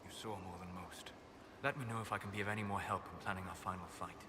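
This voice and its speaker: An actor voices an aloof male elven mage, scholarly and guarded, in game cutscene dialogue, sounding cold and restrained. His near-everyday male voice is low, calm, measured and soft-spoken, with faint room hiss in the background.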